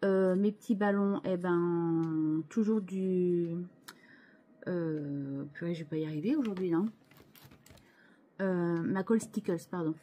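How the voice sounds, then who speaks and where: A woman talks through her handmade craft pages in a slow, unhurried way. Her voice is mellow and soft-edged. She hesitates often and restarts her sentences, turning to viewers with chatty asides. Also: lowish voice, slight background noise. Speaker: scrapbooking channel host. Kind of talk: casual show-and-tell of craft pages.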